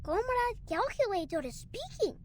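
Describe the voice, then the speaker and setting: A woman voicing an earnest, trusting little child in game dialogue, speaking slowly and carefully. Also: very high voice, big pitch swings, slight background noise. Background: game music.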